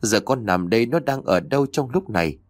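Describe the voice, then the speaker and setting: A man's voice: mid-range voice, animated, brisk, no echo, close to an everyday voice. A man voicing a grieving older mother in a horror audiobook, tearful and scolding. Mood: wailing.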